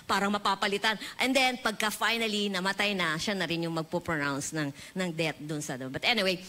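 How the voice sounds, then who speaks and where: A woman preacher with a Filipino accent giving a lively sermon in a church, mixing English and Filipino and leading the congregation in prayer. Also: mid-range voice, fairly quick. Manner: animated, leads the congregation in call-and-response prayer. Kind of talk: bilingual sermon. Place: church hall.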